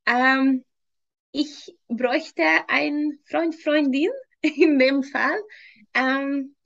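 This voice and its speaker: Extremely slowly and with vocal fry, a fitness trainer from Hungary in her thirties responds to interview questions over a video call from home. Her high voice keeps a fairly even intonation and a Hungarian accent, broken up by many ums and frequent laughs, and the recording sounds muffled.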